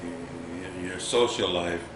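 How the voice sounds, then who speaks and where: Elderly male veteran remembering his service: unhurried, lowish voice, reflective and halting, formal phrasing. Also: fairly even intonation. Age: 80s or older. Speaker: war veteran interviewee. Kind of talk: old veteran remembering, unscripted interview recollection. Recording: echoey room with background noise.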